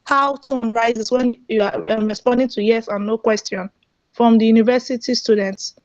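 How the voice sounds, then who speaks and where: A woman's voice: a little high, fairly even intonation, normal speed, dry recording, muffled recording. A young woman student, answering in class and politely calling her teacher sir.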